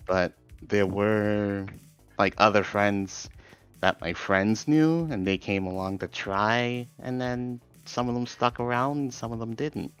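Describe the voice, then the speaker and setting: A man's voice: fairly low pitch, steady tone, slow, fairly bright tone, clear, resonant tone. A man chatting casually as a podcast guest, giving understated and slightly hesitant answers. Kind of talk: casual chat about online games. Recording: music behind the voice. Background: music.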